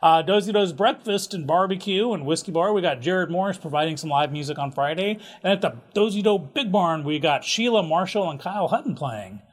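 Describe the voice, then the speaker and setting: A man's voice: high-pitched, animated, a little fast, few pauses. A man hosting a casual local events rundown, chatty and jokey with offhand asides. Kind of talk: casual community calendar rundown.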